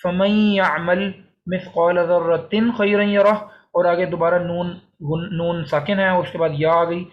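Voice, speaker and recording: A man gives an online recitation lesson, his voice a little high. He explains each rule step by step and recites the verses slowly, then repeats them. The audio is dull and lo-fi. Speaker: Quran teacher. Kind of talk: recorded online lesson on Quran recitation rules.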